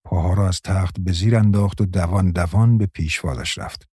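A man reading a novel aloud as audiobook narration, in a measured, solemn way. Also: sits low, steady tone, warm tone, husky, no room sound, clean studio sound.

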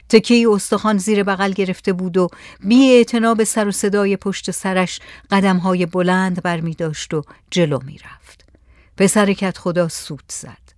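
Calm woman narrating a story. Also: medium pitch, no room sound, clean studio sound. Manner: calm, measured reading.

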